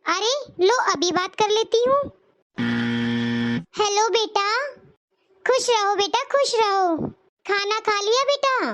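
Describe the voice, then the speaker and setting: A woman's voice: very high-pitched, takes it slowly, pauses often, fairly bright tone, full character voice. A woman voicing a scheming elderly mother-in-law in a cartoon story who sweet-talks and plays favourites between her sons. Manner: sweet-talking, wheedling.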